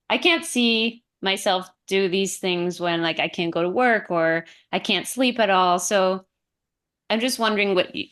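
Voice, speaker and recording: A woman's voice: medium pitch, a bit bright. Hesitant woman asking a question. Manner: hesitant, searching for words. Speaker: audience member with eczema.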